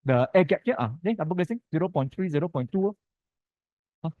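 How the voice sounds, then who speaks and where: A man's voice: fairly high pitch, animated, a little fast, dry recording, phone-quality sound. A man with a Malaysian accent giving an informal technical lecture in punchy, colloquial phrases full of sentence-final particles. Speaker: lecturer presenting to architects.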